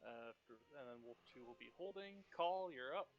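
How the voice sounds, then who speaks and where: A man's voice: mid-range voice, expressive, normal speed, highs cut off. A man running a tabletop role-playing game as game master, narrating moves and scenes. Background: music.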